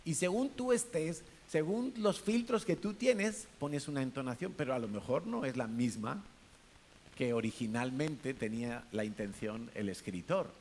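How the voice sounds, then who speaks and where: A man's voice: medium pitch, animated, normal speed, a little mellow. A man with a Spanish accent preaching a sermon in a church hall, in a conversational way, asking the congregation questions and acting out different tones of voice. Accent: Peninsular Spanish. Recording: faint hiss.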